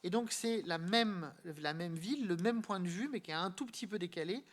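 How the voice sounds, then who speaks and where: Halting male art history lecturer. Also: high-pitched. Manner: halting, searching for words, many repeats; explanatory, addressing the audience directly.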